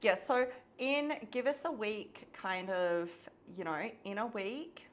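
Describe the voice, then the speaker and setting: A woman's voice: mid-range voice, expressive, slow pace, a little hiss or hum. A woman co-hosting a fitness podcast in a casual chat, laughing easily and prompting her partner with questions. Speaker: podcast co-host, fitness trainer.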